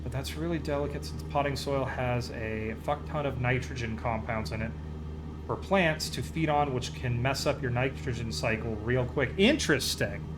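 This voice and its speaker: A man chatting casually as a live streamer during a flight game, rambling along in an easygoing, enthusiastic way. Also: medium pitch. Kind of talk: casual chat while playing a flight simulator.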